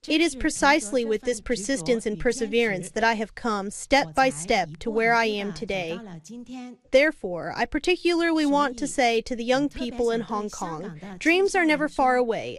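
A woman reading a solemn prepared statement in a measured way. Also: a little high. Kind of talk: read-out statement.

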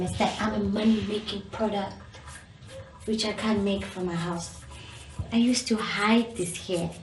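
A woman's voice: medium pitch, a little hiss or hum. Earnest young woman in an echoey room. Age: young adult. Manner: earnest, candid, conversational. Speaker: interviewee. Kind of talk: personal testimony.

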